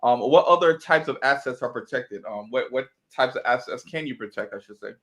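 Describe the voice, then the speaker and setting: A man's voice: medium pitch, a little fast, fairly bright tone. Easygoing male show host. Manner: easygoing, many "um" fillers. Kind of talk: casual interview hosting.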